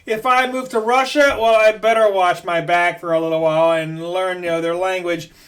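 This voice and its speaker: A man's voice: sits high, fairly even intonation, moderate pace, fairly bright tone. A man from Maryland delivering a blunt, profane political rant to camera as a vlogger. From Maryland, USA.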